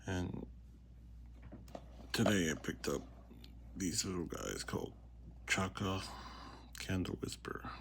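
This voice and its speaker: A man with a low, flat voice talks softly, often close to a whisper. He takes his time in a casual, unboxing-video style, with clear noise around him. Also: slow, pauses often.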